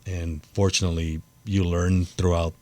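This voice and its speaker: A middle-aged man from Texas, a general contractor talking casually as a guest, relaxed and quick to laugh. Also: deep voice, no echo. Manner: relaxed, laughs easily, frequent fillers. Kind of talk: casual interview talk.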